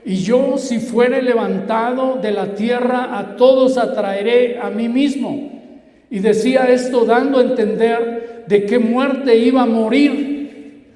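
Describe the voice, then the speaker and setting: A man preaching a sermon as pastor, swinging between loud emphasis and hushed asides. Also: extremely high pitch, fairly even intonation, takes it slowly. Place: church hall. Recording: echoey church hall.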